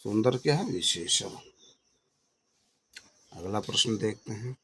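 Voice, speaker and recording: A man with a low, gravelly voice working through exam questions one after another. He reads the options in turn, then names the answer. He often slows down to repeat a word several times so its spelling sinks in. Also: lively intonation, pushed and bright, slight background noise. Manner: reads each option aloud then states the answer, repeating key words; slows down to drill correct spellings. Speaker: exam coaching teacher. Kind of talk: exam question review lesson.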